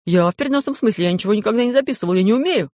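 A man doing a shrill, whining pygmy. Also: animated, rapid-fire, dry recording, studio quality. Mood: flustered. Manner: shrill yelling, pleading. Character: whining greedy male pygmy, shrill and treacherous.

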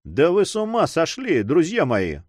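A man's voice: fairly high pitch, big pitch swings, normal speed, dry recording, studio quality. A man voicing a cautious older uncle and governor who scolds the young men in a story. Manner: worried, scolding.

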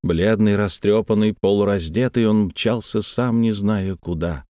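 A man narrating a classic novel in a measured, expressive reading. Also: lowish voice, dry recording, clean studio sound. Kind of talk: scripted literary narration.

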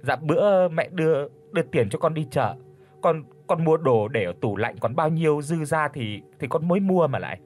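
A man's voice: fairly high pitch, animated, moderate pace, a little mellow, faint music behind. A man voicing a meek young daughter-in-law of thirty who stammers politely and pleads. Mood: timid. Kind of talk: audiobook character voice.

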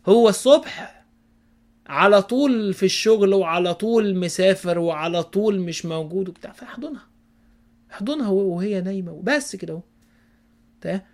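A man preaching in casual Egyptian Arabic who gives folksy advice and checks in with his listeners, now and then dropping to a hushed voice. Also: high voice, brisk, pauses often. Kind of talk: casual religious advice talk.

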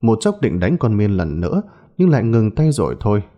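Expressive man telling a ghost story. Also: fairly low pitch, a little fast. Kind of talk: scripted ghost story narration.

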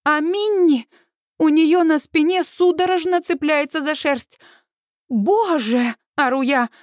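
A woman narrates a first-person audiobook in a fairly high voice. Her reading is lively and expressive. The recording is dry and close. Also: a little slow, dry recording.

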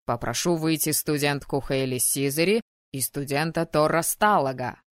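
A woman voicing a stern, authoritative male university dean who makes formal, measured announcements in an audiobook. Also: low voice, no echo, studio quality, pitched below the performer's own voice, close to an everyday voice. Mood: ceremonious. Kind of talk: audiobook character voice.

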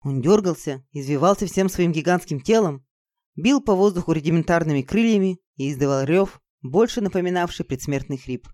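A woman reading an audiobook aloud in an expressive, measured storytelling manner. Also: lowish voice, no echo, studio quality. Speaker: audiobook narrator. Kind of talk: scripted narration.

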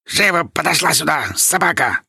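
Creepy possessed old hag barking orders in a croaky bass, as a guy does her, gravelly and husky. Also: lively intonation, normal speed, sharp tone, no room sound, clean studio sound, exaggerated voice. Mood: menacing. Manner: threatening, commanding. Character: possessed old woman, menacing and hateful.

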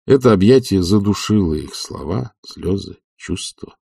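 A man narrating a literary audiobook in a measured, sombre way. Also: sits low, animated, vocal fry, warm tone, husky, no echo, studio quality.

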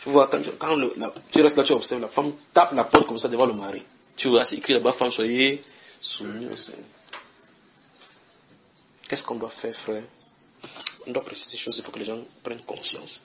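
Bright-voiced preacher man. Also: mid-range voice, moderate pace, pauses often, slight background noise. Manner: conversational, questions listeners while reading verses. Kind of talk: house-church Bible teaching.

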